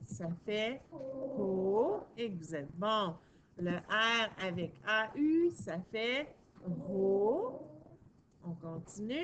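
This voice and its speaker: A woman teacher, giving a recorded phonics lesson to young children in a patient, encouraging way and sounding out syllables slowly. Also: mid-range voice, a bit bright, slight background noise. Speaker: primary school teacher.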